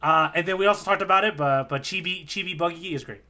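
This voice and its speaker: This podcast co-host chats casually about a manga, rambling and often repeating words. He speaks quickly in a high-pitched voice with a bright, forceful tone.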